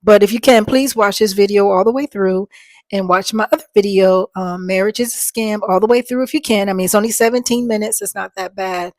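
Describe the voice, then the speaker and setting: A vlogger in her fifties chats casually with her viewers, calling them folks, in a soft, slightly worn voice that doesn't carry. Her earnest rambling stays at a middling pitch, brisk and steady in tone. A small microphone captures her close and dry, with no room sound.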